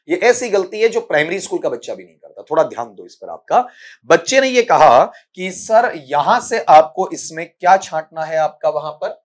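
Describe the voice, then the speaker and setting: Male English tutor, Rajasthani Hindi accent, slightly higher voice, stern, drills pronunciation. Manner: scolding, repeatedly asks "ठीक है?" and calls students "बेटा"; spells out sounds slowly and repeats words for drilling. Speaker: English teacher. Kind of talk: exam-prep lesson answering student questions.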